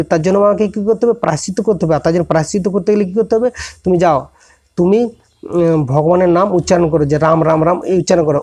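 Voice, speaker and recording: A man with a fairly high voice gives a relaxed moral lesson to students. He talks to them directly and conversationally, often breaking off and restarting his sentences as he works through his point. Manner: conversational, many restarts and self-corrections, addresses listeners directly. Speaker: online tutor giving a moral talk. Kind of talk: informal motivational lecture to students.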